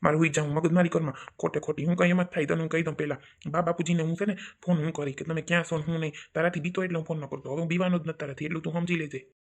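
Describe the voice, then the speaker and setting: A man's voice: a little high, flat delivery, very fast, gravelly. A man playing a blustering, hot-headed village husband. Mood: defiant. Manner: blustering, defiant retorts. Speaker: actor in a village comedy sketch. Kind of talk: comic village sketch acting.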